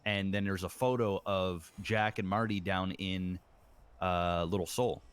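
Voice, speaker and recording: A man's voice: low-pitched, fairly even intonation, a little slow, clean tone. A man in character in a roleplay game, telling a long story with lots of ums and uhs and acting out what others said. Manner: rambling retelling, full of ums and uhs, acts out quoted lines. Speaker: roleplay gang member.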